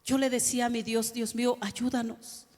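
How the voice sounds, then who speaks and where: A woman's voice: on the high side, level tone, normal speed, a little mellow, in a large hall. A woman pastor preaching a sermon, addressing the congregation and asking them rhetorical questions. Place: church hall.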